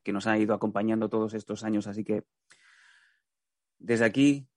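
A man's voice: on the low side, fairly even intonation, moderate pace, a little mellow, no echo, studio quality. A man hosting a comedy show, rambling in mock-solemn tones with plenty of stops and restarts. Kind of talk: casual comic banter.

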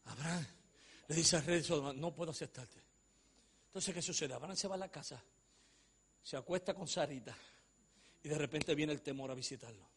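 Male preacher, high, bright and husky voice, dramatic sermon delivery that drops low and then shouts. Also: brisk, long pauses. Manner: swings from hushed to shouting, jokes with the audience.

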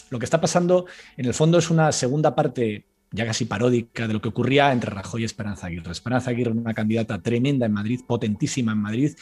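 A man's voice: on the low side, a little mellow, breathy edge. A man giving analytical, emphatic commentary on a talk show as a political analyst.

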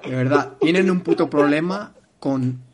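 A man's voice: a little high, moderate pace, darkish tone, slight background noise. A young man, chatting casually over a video call from his room in a shared apartment, blunt and swearing freely as he rambles through asides. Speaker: guest calling in from abroad. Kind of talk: casual live chat.

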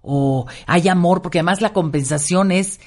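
A woman's voice: fairly low pitch, normal speed. An older woman, a child psychologist talking as a radio guest, telling stories animatedly and acting out the people she quotes. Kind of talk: radio interview talk.

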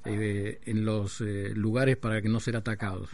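A man's voice: on the low side, level tone, unhurried, darkish tone. A man co-hosting a radio interview in a conversational way. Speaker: radio co-host.

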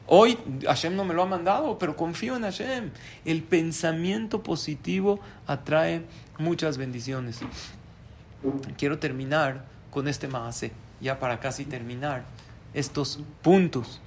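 A rabbi teaching a class and telling a parable in an animated storytelling manner. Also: male voice, fairly high pitch, a little slow, a little hiss or hum. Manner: animated storyteller, lively voice changes.

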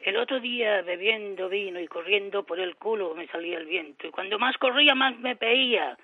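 A man's voice: high voice, normal speed, dry recording. A man in his forties calling a radio show over the phone line, brash and joking as he recites a crude poem. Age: 40s. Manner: brash, joking, self-styled street poet. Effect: voice coming over the phone line. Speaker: radio caller. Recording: phone call aired on radio.

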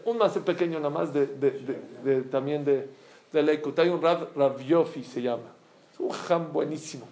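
A middle-aged man, a religious speaker telling a story and acting out the people in it. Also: a little high. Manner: animated, acts out characters' voices. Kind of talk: storytelling talk with acted quotes.

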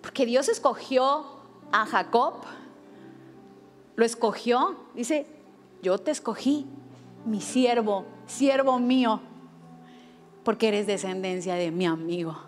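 A woman pastor preaching a sermon, telling a lively personal story and acting out quoted lines. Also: fairly high pitch, slow, long pauses, soft background music. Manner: animated storytelling with acted quotes.

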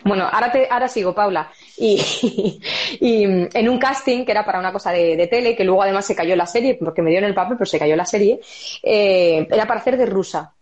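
A woman in her thirties talking casually in an interview about her stage work. She tells stories with lots of laughter and plays out the lines of the people in them, at an ordinary mid-range pitch. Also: a little fast, highs cut off. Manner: lively storyteller, laughs often, acts out dialogue. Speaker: stage actress.

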